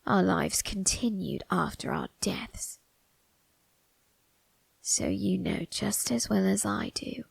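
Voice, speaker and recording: Here a woman again plays the creepy undead undertaker of an ASMR roleplay, a man who is obsessive and quietly threatening, intent and coaxing. Her whisper is breathy and creaky, the phrasing slow and foreboding, the pitch fairly low, the voice exaggerated, with no room sound at all.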